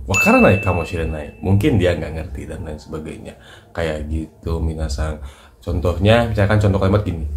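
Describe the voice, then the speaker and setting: A man teaching in a casual, chatty way, trailing off softly at the ends of his lines. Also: deep voice. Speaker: Japanese language teacher. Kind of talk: casual lesson in short clips. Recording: noisy recording with clicks.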